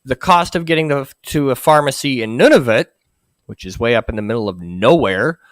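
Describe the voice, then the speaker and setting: A man's voice: mid-range voice, expressive, no room sound. Guy chatting as a guest, stumbles and restarts a lot, dry mic. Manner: halting, many restarts. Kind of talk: casual chat.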